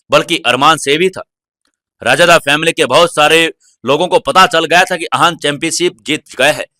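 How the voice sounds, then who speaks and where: A man narrating a serialized audio story in a steady storytelling manner. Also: a little high, no room sound, clean studio sound.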